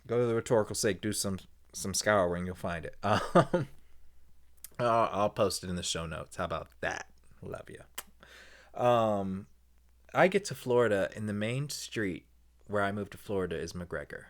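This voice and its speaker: Male podcast host, deep voice, candid rambling monologue with animated high-pitched story moments. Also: moderate pace. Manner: animated, swings into high excited tones when telling anecdotes; candid, conversational, with many fillers and asides.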